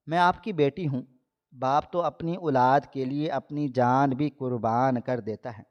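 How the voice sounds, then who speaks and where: A young married woman pleads and insists she is innocent, voiced by a man reading a storybook. The voice sits at a middle pitch and stays close to a plain reading tone. The audio is dull and lo-fi. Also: close to an everyday voice. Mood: pleading.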